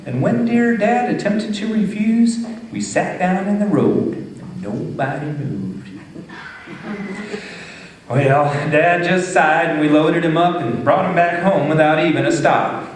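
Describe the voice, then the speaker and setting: In an echoey room, picked up from a distance with faint noise, a man reads poetry live to kids and families. He has a folksy Texan drawl and a slightly high, unhurried voice, delivering it playfully and dramatically.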